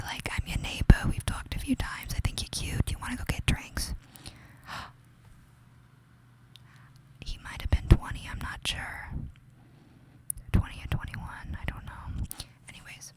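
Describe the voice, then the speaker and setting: A woman's voice: normal speed, poor audio. Young new york woman whispering gossip asmr style, super chatty and confiding, says like a lot. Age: young adult. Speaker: ASMR creator.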